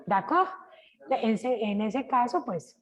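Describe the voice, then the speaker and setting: Una mujer de Colombia con acento colombiano da una clase de francés en línea, pronuncia despacio los ejemplos y pregunta a menudo si la siguen. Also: female voice, on the high side, big pitch swings. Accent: Colombian Spanish. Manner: slow, careful pronunciation of French examples; checks in with frequent "¿cierto?". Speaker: French teacher. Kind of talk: online class, sharing screen.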